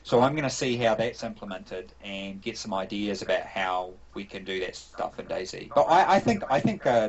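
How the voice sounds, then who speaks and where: Over an online call, a male game developer with a New Zealand accent answers interview questions casually, thinking aloud and rambling with lots of fillers and restarts. His voice is lowish and the audio sounds dull.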